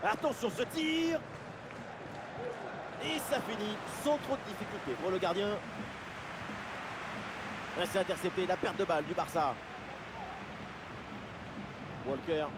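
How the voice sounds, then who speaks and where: Excited high-pitched male football commentator. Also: normal speed, pauses often. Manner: exclamatory play-by-play calls. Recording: loud stadium-like background noise.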